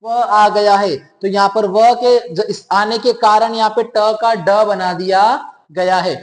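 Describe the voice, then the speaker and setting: A man's voice: high voice, steady tone, slow. A man teaching a class, patiently explaining rules and often checking that students follow. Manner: patient, keeps calling students "beta" and asking questions. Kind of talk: classroom lesson.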